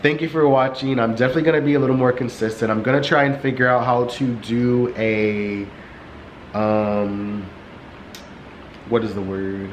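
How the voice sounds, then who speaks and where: A young man vlogging casually from his warm apartment, rambling with many fillers in a monotone voice and a little short of breath. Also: medium pitch, normal speed, a little hiss or hum, poor audio. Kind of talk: casual vlog chat. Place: warm sunlit apartment living room. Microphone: camera resting on a couch.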